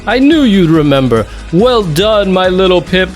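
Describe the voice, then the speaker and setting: A man voicing a kind, cheerful father bear in a picture-book reading, gentle and fatherly. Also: high-pitched, very animated, unhurried, faint music behind, voice pushed up. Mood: fond.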